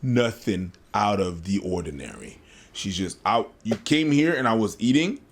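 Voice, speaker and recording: A man co-hosting a casual podcast, walking through a situation in a measured, explanatory way. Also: fairly low pitch, animated. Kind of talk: casual chat.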